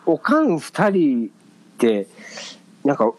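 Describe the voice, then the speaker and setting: A man's voice: fairly high pitch, slow pace, slight background noise, poor audio. A man with a Kansai accent, telling a personal story in casual chat, hesitant with many fillers. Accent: Kansai Japanese. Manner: animated storytelling. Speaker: podcast co-host.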